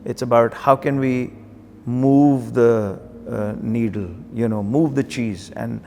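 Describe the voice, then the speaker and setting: Reflecting and telling his story in an interview, a middle-aged banker from Karachi speaks conversationally with a Pakistani accent and the odd Urdu phrase. His voice is medium-pitched, slow and a little mellow, with vocal fry and fairly even intonation. The recording sounds like a large hall, with slight background noise and background music.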